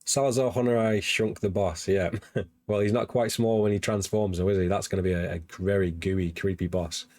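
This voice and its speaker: A man with a very low voice hosts a casual gaming news livestream, rambling eagerly with lots of fillers and restarts. His voice sounds slightly worn, and the sound is dry and close with no room echo. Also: flat delivery, brisk, dark tone. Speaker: podcast host.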